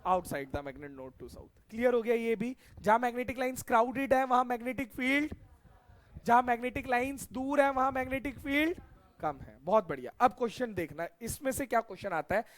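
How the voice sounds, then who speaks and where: A man's voice: extremely high pitch, a little fast. A middle-aged man teaching a science class, asking his students questions and repeating the key answers back to them.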